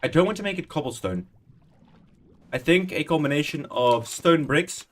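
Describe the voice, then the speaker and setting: A man in his 20s streams a building game, talking at a moderate pace in a high-leaning voice with lively intonation. He chats and rambles in a self-deprecating manner, muttering under his breath as he types commands in Minecraft.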